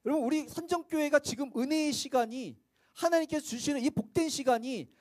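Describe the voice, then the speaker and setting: Guy pastor giving a sermon, super high voice, chatty, keeps asking the crowd questions, acts out people now and then. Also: no echo. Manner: conversational preaching with rhetorical questions to the congregation; acts out quoted voices, sometimes shouting.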